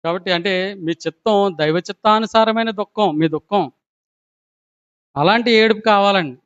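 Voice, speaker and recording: A man's voice: high voice, moderate pace, fairly bright tone, clear, resonant tone, no echo, muffled recording. A man with a Telugu accent preaching a sermon, who keeps asking the congregation questions and adds a polite "andi" to his lines.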